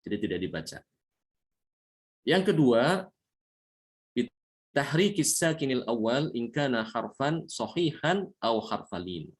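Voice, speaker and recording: A male teacher leads a tajwid class, his voice sitting at an ordinary middle pitch. He explains each rule patiently, circling back with a steady "ya" to check understanding. Now and then he slows right down to chant an Arabic example. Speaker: Quran recitation teacher.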